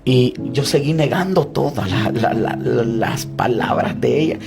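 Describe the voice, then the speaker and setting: Earnest preacher man over loud music. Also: mid-range voice, a little slow, creaky. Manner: earnest, confessional, repeats phrases for emphasis. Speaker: preacher giving a testimony. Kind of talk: emotional sermon testimony. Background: loud instrumental music.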